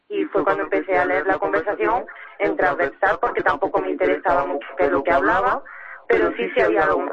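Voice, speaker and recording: On a radio show, a mother being interviewed tells her personal story carefully, hesitating often. Her female voice has been distorted and lowered in pitch to conceal who she is, and the high frequencies are cut off.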